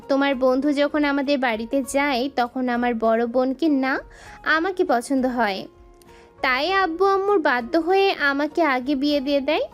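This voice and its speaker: A woman playing a high-voiced young wife. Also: natural voice. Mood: friendly. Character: young wife, cheerful, earnest and reproachful. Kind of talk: Bengali audio love-story drama.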